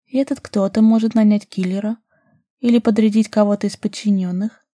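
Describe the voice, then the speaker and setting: A woman's voice: medium pitch, fairly even intonation, brisk, warm tone, dry recording, natural voice. A woman voicing a bold, teasing young woman who presses her lover with questions, in a storybook reading.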